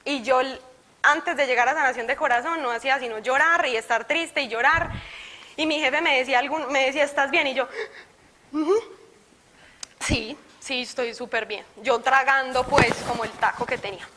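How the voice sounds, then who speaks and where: A woman giving a personal testimony to a church group, telling her story in an animated way and voicing her own past thoughts. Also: high-pitched.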